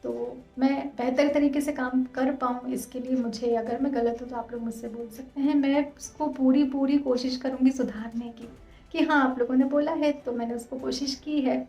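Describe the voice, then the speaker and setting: Fast-talking woman vlogger, high voice. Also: fairly even intonation, mellow, echoey room, faint music behind. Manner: fast, earnest, direct address. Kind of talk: casual vlog talk to viewers.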